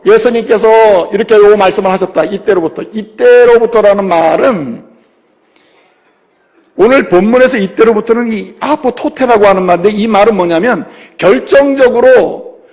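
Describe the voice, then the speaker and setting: A man's voice: high voice, normal speed, darkish tone. A male pastor preaching a sermon in a church sanctuary, emphatic, often acting out the voices of the people he quotes. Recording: long church reverb.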